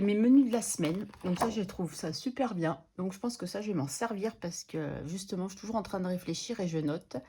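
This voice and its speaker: A woman's voice: medium pitch, a little mellow, a little hiss or hum. A middle-aged woman chatting casually to camera about budgeting, enthusiastic and laughing often. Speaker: budgeting channel host.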